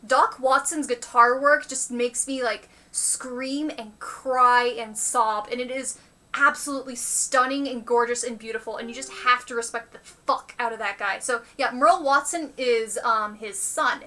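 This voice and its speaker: A woman chatting casually on a live stream about learning the banjo, talking with quick enthusiasm and muttering to herself between phrases. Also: fairly high pitch, steady tone, pushed and bright. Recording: banjo music behind. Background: banjo playing.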